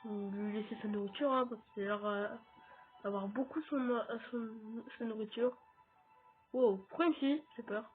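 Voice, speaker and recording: A man's voice: high-pitched, normal speed, soft background music. A man with a French accent giving casual let's-play commentary, chatting straight to his viewers as he plays. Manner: chatty, talks straight to viewers while playing. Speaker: gaming YouTuber. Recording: tinny phone-like audio.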